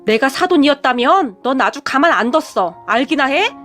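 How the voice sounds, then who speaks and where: A woman voicing a blunt, sharp-tongued older mother-in-law who scolds her daughter. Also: sits high, animated, normal speed, soft background music. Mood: scolding.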